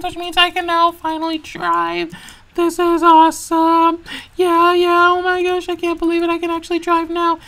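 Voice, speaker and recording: A woman plays Mario, a jittery young racer who stammers and repeats himself over and over. His voice sits very high, and he frets aloud in a fan-made toy video. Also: a bit bright. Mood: thrilled.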